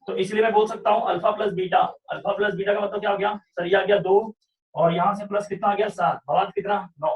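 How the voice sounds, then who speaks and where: High-voiced maths teacher, echoey room. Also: male voice, steady tone, fairly quick, distant mic, dull audio. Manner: explains step by step, often asks "sahi hai kya?". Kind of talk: online revision class lecture.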